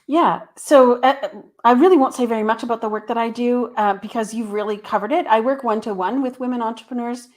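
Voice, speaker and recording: A middle-aged woman with a somewhat high-pitched voice talks as a guest in a casual interview. She sounds like a therapist explaining her path, conversational and explanatory. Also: fairly quick, a little mellow. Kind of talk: casual interview, telling a career story.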